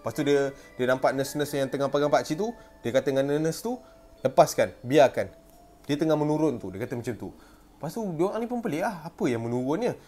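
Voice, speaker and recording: A man with a Malaysian Malay accent telling a ghost story in a casual way, acting out sounds and voices with animated delivery. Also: on the high side, fast talker, faint music behind. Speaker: storyteller host.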